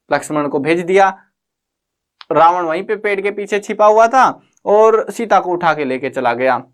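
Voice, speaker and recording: A man teaching a class lesson, retelling the story in a chatty way with casual asides. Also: sits high.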